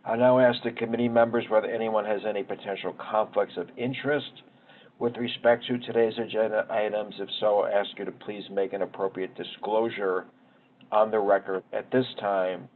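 A man acting as committee chair over a teleconference line, reading formal procedure in a measured way. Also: fairly low pitch, flat delivery. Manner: measured, reads set phrases. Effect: heard over a teleconference line. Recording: tinny phone-line sound, faint noise.

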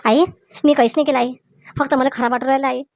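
The voice is a tearful, defensive young daughter-in-law, acted by a woman. She sits high in pitch and pleads, repeating her words of address. The recording is dry and close, with no room sound. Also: fairly even intonation, quick pace, no room sound. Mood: pleading tearful. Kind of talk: comic skit acting.

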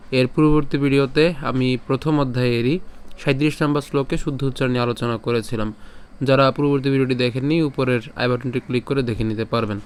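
A man teaching Sanskrit pronunciation, breaking verses into syllables and chanting them slowly. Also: medium pitch, clear, resonant tone. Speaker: Gita recitation teacher.

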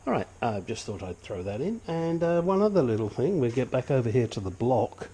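Very animated and a little fast, this older man's medium-pitched voice is warm with a breathy edge, though the audio is poor. He's a hobbyist engine restorer with a sniffly nose, giving a blunt, chatty, self-deprecating walkthrough in his cluttered home garage.

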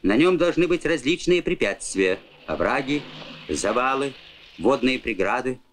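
A man's voice: mid-range voice, expressive, unhurried, a little hiss or hum. A man reading formal, instructional scripted narration in the manner of a 1980s Soviet military training film. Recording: old film soundtrack.

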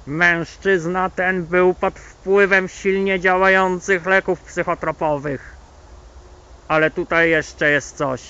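A man playing a newsreader who announces a grisly death in a measured mock bulletin for a horror film. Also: high voice, steady tone, bright, forceful tone, clear, resonant tone, full character voice. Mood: grave announcing. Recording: dull lo-fi sound.

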